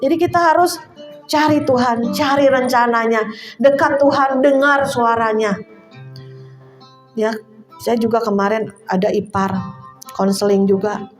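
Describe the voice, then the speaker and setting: Older woman preacher, higher voice, chatty emotional sermon style, soft music underneath. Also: steady tone, a little slow, pauses often. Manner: conversational, emotional storytelling with laughs. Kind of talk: sermon testimony. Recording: faint music behind. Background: soft instrumental music.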